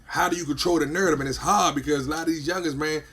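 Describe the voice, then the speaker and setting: A man's voice: fairly high pitch, steady tone, very fast, fairly bright tone. A man, a podcast host chatting casually and emphatically, often repeating "you feel what I'm saying". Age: 40s. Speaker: podcast host and business owner.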